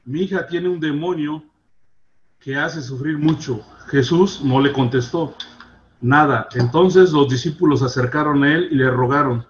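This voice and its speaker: A man giving a devotional sermon in an earnest way, his voice rising and dropping in loudness for emphasis. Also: mid-range voice, highs cut off, a little hiss or hum. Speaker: preacher.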